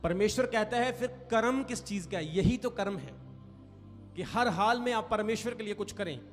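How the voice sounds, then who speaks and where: A pastor with an expressive, high-pitched voice speaks at normal speed to his congregation, stressing and stretching key lines and calling for responses. The recording comes from a reverberant hall with faint music.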